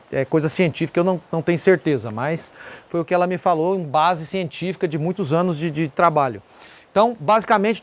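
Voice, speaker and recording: An English teacher with a Brazilian Portuguese accent giving a pronunciation lesson, repeating example words slowly and pointing to written examples. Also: mid-range voice.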